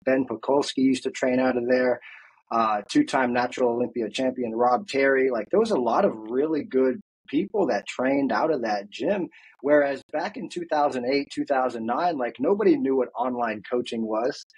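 A man's voice: mid-range voice, normal speed, husky, low-quality recording. A man in his thirties, a fitness coach, telling his life story earnestly over a video call with headphones. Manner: earnest, reflective storytelling with frequent fillers. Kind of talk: casual interview. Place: home office, indoors.

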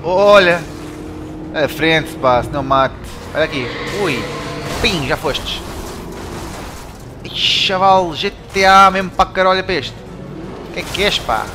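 Excitable European Portuguese male gamer, slightly high-pitched, yelps through a horror game with music underneath. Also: a little slow, long pauses. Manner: excitable, yelps and shouts at scares. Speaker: let's play gamer.

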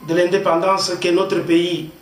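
Slow, high-voiced Congolese pastor preaching. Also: male voice, flat delivery, distant mic. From Democratic Republic of the Congo. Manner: deliberate, pausing between short phrases. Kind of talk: slow measured sermon with scripture reading. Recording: echoey room, voice off-mic, faint music.

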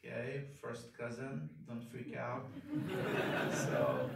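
A man's voice: medium pitch, very animated, slow pace, vocal fry, a little hiss or hum. A man in his fifties, raised in Kuwait, giving a candid, self-deprecating personal testimony at a chapel pulpit. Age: 50s. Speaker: devotional speaker. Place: large chapel, speaking at a wooden pulpit. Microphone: far camera phone in the congregation. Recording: very echoey hall, voice from far off.

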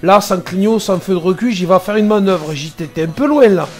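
A man's voice: high voice, a little fast, soft background music. A man, a truck driver, commenting casually and sarcastically on dashcam clips, exasperated at other drivers.

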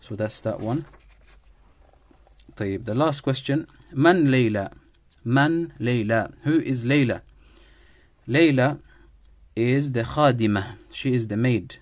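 A man gives an online Arabic grammar lesson in a voice of ordinary pitch. He speaks slowly and repeats each Arabic phrase before translating it. The recording is dry and close, with no room sound. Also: dry recording. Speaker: Arabic teacher.

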